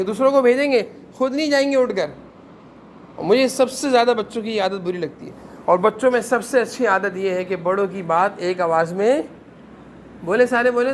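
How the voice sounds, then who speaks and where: Very high-voiced stern male teacher. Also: fairly bright tone, slight background noise. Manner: stern, drills class to answer in chorus. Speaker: madrasa teacher. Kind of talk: classroom lecture to children. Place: madrasa classroom.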